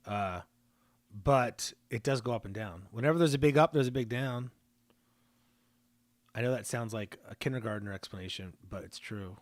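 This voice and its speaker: A man hosts a live stream in a casual, chatty way, answering viewer comments as they come in and cracking jokes along the way. His voice is mid-pitched and recorded close and dry. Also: normal speed, long pauses, dry recording. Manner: chatty, joking, reads viewer comments aloud. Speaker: livestream host.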